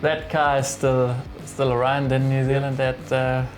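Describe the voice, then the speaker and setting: There's faint background music as a middle-aged workshop owner from Germany talks casually about his workshop in an interview. His German-accented, medium-pitched delivery is unhurried, relaxed, and hesitant, with frequent fillers and false starts.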